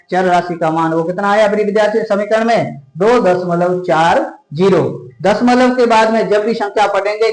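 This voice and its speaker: A man with a Rajasthani Hindi accent teaching a school math lesson, speaking directly to his students and often checking whether they have any doubts. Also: high-pitched. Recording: echoey room.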